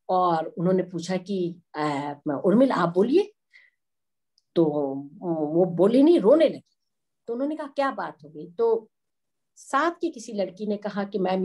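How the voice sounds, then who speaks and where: Woman, middle-aged, from India, earnest speech at an event, mid-pitched voice. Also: a little mellow. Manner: earnest, mixes Hindi with English phrases. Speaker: speaker at a women's day event. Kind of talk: public speech.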